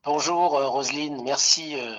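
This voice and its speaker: A man's voice: medium pitch, moderate pace, fairly bright tone, poor audio. A middle-aged man from Italy, a singer-songwriter guest on a radio interview, speaking hesitantly with many fillers and restarts.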